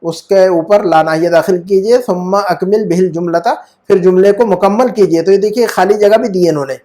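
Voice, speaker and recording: A man's voice: high voice, warm tone. A man teaching Arabic grammar in a one-on-one online lesson, patient, checking often that his student follows. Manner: patient, asks frequent check questions. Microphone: video call.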